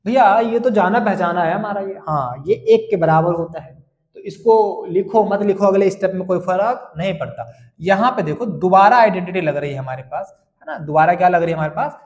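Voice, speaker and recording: A man's voice: high-pitched, expressive, fairly quick. A man teaching a board-exam maths lesson who keeps asking questions and answering them himself. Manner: asks and answers his own questions, calling students bhaiya and beta.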